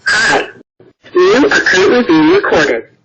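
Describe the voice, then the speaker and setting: A woman's voice: on the low side, very animated, slow pace, a bit bright, a little hiss or hum, poor audio. A woman speaking as the homeowner through a doorbell camera speaker, firm and unbothered. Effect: heard through a doorbell camera speaker.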